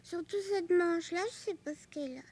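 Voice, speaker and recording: An actress voicing a lively, curious little girl on a children's TV show. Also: very high-pitched, fairly quick. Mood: determined. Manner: eager, childlike, bragging. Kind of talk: children's TV acting.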